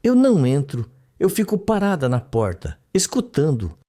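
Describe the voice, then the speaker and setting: For a soap opera recap, a man reads the lines of a frightened young woman recalling a scene under hypnosis, sounding dreamy and trembling. His slightly high voice swoops wildly in pitch at a moderate pace, with a mellow quality. The mood is tense.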